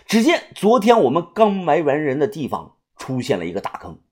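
A woman reading a novel aloud for an audiobook. Her voice is low-set and husky, and it rises and falls freely as she tells the story expressively. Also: huge pitch swings, moderate pace, a little mellow. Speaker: audiobook narrator. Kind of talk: scripted novel narration.

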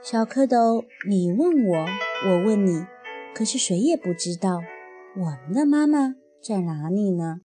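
A woman reading a bedtime story softly and soothingly to a child. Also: mid-range voice, animated, measured pace. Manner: soft, soothing, lilting. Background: soft background music.

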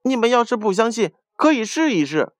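A man's voice: very high voice, sing-song, brisk, dry recording, voice pushed up. A man voicing a cocky, sly little male rat in a storybook tale, smug and offhand.

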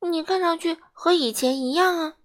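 A woman's voice: extremely high pitch, moderate pace, voice pushed up. A woman voicing a caring, cheerful male friend in a children's storybook reading, talking in a reassuring, comforting way.

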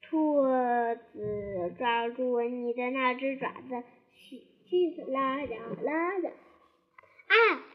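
Woman children's storyteller, slow and high, coaxing, kid-friendly delivery. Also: narrow, tinny audio. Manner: gentle, coaxing, addresses children. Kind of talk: bedtime story reading for children.

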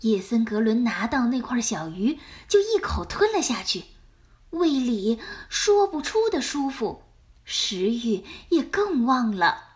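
A woman narrating a children's fable aloud in an expressive, animated way. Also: a little high, slow pace. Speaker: storyteller. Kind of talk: children's story reading.

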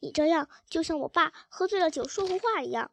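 Storybook part: a gentle, timid young girl read by a woman, high and soft. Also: expressive, brisk, gravelly, heavily acted.

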